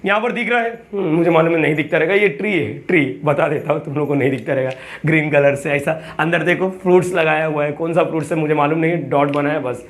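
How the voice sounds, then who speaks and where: A man's voice: fairly high pitch, quick pace, few pauses. A man teaches a math lesson in an easy, chatty way. He repeats key words, counts items aloud one by one and keeps asking his students questions. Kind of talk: casual classroom-style lesson.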